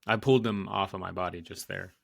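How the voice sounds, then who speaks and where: A young man co-hosts a casual podcast in a laid-back, unhurried way, often pausing on fillers. His voice sits a little low and sounds dry and close to the mic. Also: fairly even intonation, creaky, no echo. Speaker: podcast co-host. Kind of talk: casual banter.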